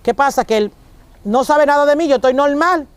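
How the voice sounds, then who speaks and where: A woman preaches in a lively, conversational way, slipping in and out of little acted exchanges. Her voice sits very high, and the recording is dry and close. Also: a little fast, dry recording. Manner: animated, acts out dialogues with shifting voices.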